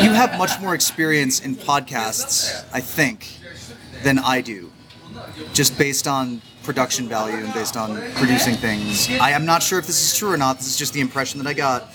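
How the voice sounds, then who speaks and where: A man co-hosting a podcast in casual chat, relaxed and self-deprecating. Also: mid-range voice. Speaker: podcast co-host. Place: Japanese supermarket. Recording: loud noisy shop recording.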